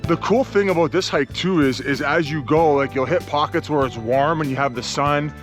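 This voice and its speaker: A man's voice: fairly high pitch, moderate pace, faint music behind. A dry, teasing man on a hiking trail. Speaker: show co-host. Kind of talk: casual hiking chat.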